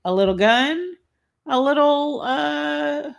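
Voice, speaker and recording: This slightly congested woman vlogger has a high-pitched, animated voice with vocal fry, and she talks slowly. She's putting together a toy during a casual live stream, rambling and laughing frequently.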